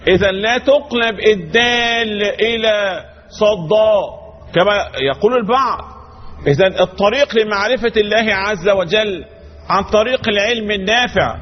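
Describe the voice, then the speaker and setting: A man's voice: high-pitched, moderate pace, long reverb tail, lo-fi sound. A man with an Egyptian accent teaching Quran recitation to a class, emphatic and repetitive as he drills the rules and corrects his students.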